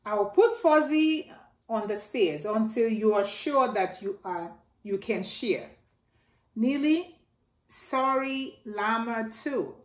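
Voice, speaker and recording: A middle-aged woman, reading to children at storytime, voices a picture book in a slow, expressive way. She pitches up high whenever there's an exclamation or a toy speaks, and the living room by the staircase where she sits gives off echo.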